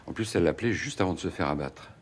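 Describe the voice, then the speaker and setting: An actor playing a seasoned, stubborn police investigator in a TV crime drama, terse and understated with a deep, gravelly voice. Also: male voice, lively intonation, racing, a little hiss or hum. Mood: matter-of-fact. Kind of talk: naturalistic TV crime drama acting. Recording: TV soundtrack with music underneath.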